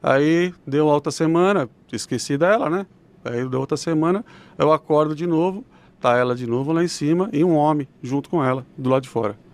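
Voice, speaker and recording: Man casually recounting a story. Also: mid-range voice. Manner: relaxed, conversational, uses fillers like "né". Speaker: guest telling a personal story.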